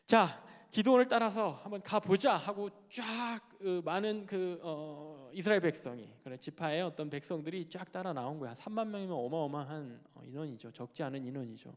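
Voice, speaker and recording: A man delivers a sermon in a conversational, animated manner, often slipping into quoted speech as he talks to the congregation. His voice sits a bit high for a man. The sound carries a long reverb from a large church hall. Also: brisk, few pauses. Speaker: preacher. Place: church sanctuary.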